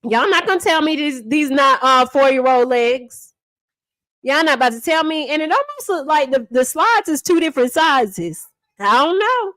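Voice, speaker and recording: A sassy woman streamer roasts someone for her live chat, mocking and teasing and calling everyone honey and baby. Her voice sits high. The sound is dry and close, with no room around it. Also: a bit bright, no room sound, low-quality recording. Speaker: livestream gossip host. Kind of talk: casual commentary to a live chat.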